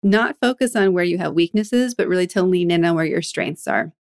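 A woman hosts a podcast in a casual interview chat, sounding curious and chatty as she asks follow-up questions. Her voice is fairly low and darkish, brisk in pace and marked by vocal fry.

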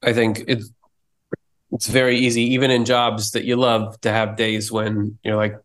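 A man's voice: on the low side, flat delivery, normal speed, a bit bright. A man co-hosting a podcast, explaining religious ideas in an earnest, conversational way with frequent restarts. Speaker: podcast co-host. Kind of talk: casual theological discussion.

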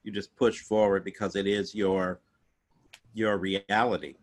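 Thoughtful low-voiced man on a podcast. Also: flat delivery, measured pace. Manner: thoughtful, hesitant, searching for words. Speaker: podcast co-host. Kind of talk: casual podcast chat.

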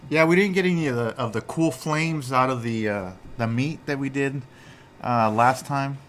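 A man's voice: mid-range voice, moderate pace, a bit bright, slight background noise. A man chatting casually and laughing easily outdoors at a flying field. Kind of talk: casual chat.

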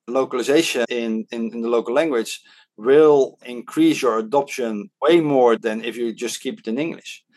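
In a laid-back interview in Hong Kong, a man from the Netherlands who advises startups explains his views as a podcast guest. He sounds hesitant, with many fillers and restarts, and speaks at a normal middle pitch for a man.

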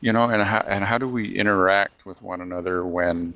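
Deep-voiced, halting man. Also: steady tone, phone-quality sound. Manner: halting, full of "uh" and "you know". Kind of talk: casual chat.

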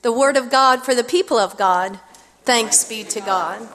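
A woman pastor preaching from a pulpit microphone, her higher voice unhurried and deliberate. Her words ring out in a church sanctuary with a long, lingering reverb. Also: a bit bright. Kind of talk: sermon with scripture reading. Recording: long reverb of a large hall.

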